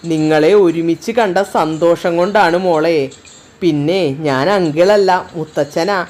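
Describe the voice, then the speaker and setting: A woman's voice: lowish voice, measured pace, darkish tone, soft background music, pitched below the performer's own voice, close to an everyday voice. A woman voicing a tearful, affectionate older man in a spoken story.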